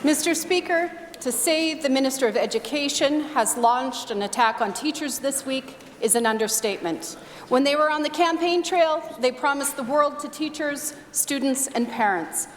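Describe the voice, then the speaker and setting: High-voiced Canadian woman attacking in parliament. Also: normal speed, a little hiss or hum. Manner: accusatory, critical. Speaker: opposition legislator. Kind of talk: formal parliamentary statement. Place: large indoor legislative chamber. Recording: echoey legislative chamber, long reverb.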